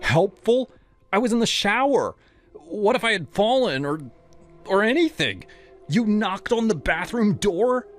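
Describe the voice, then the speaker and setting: A man's voice: high voice, big pitch swings, measured pace, soft background music, pitched above the performer's own voice. A man voicing a young woman in her twenties who scolds an intruder sharply and indignantly. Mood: indignant, furious. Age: 20s. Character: young woman, frightened then furious tenant.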